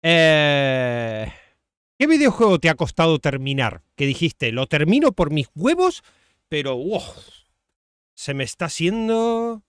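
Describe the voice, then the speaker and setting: A man hosting a casual video-call interview, relaxed and chatty, asking about games. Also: on the high side, takes it slowly, smooth, dry recording, clean studio sound. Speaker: interview host.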